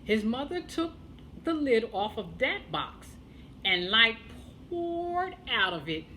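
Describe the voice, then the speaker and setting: A woman telling a children's tale as a storyteller, expressive and deliberate, with dramatic pauses. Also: on the high side, a little hiss or hum.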